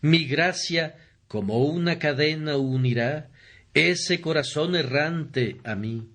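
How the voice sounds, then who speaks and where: A gentle, loving old father, as a man reads him. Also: fairly high pitch, slow pace, heavily acted. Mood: tender. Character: loving, gentle older father comforting his son.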